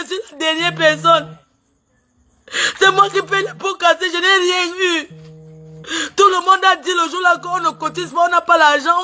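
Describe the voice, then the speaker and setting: Over a phone live stream, a tearful, indignant woman rants with a very high, sharp voice. She's airing a complaint on social media, agitated and repeating her outraged questions over and over.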